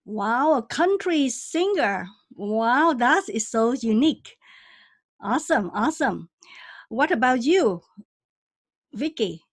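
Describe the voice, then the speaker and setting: A woman hosting an interview podcast, enthusiastic and often halting mid-sentence. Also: a little high, sing-song, dry recording, clean studio sound. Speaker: podcast host.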